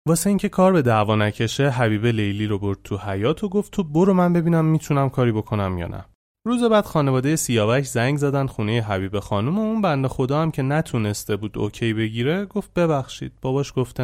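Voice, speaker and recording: A man's voice: medium pitch, a little mellow. A man narrating a true story he was told, in a colloquial, reflective storytelling manner.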